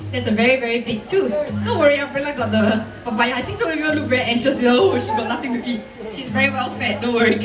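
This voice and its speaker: A woman's voice: high voice, far from the mic. A cheery, playful woman with a Singaporean accent, presenting a live zookeeper talk to an audience and coaxing them to join in. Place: open-air covered viewing stand at zoo. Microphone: handheld PA mic, filmed from audience. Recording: echoey PA speakers, recorded from afar, music behind.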